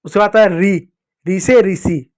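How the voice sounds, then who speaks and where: A man's voice: high voice, steady tone, moderate pace. A man teaching a beginners' reading lesson to young children, friendly and playful, explaining with everyday examples and lots of repetition.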